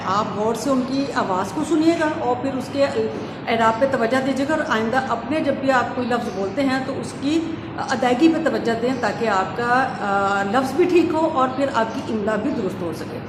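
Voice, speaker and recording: A woman's voice: a little high, moderate pace. A woman teacher with a Pakistani Urdu accent, giving a grammar lesson to children and spelling words out letter by letter with emphatic corrections. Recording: echoey room with faint ambient noise.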